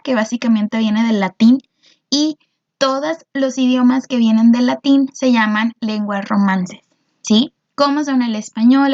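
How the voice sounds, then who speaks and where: A woman's voice: a little high, a little mellow, highs cut off. A woman teacher, patiently explaining a lesson and often checking in with her students. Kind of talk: recorded class explanation.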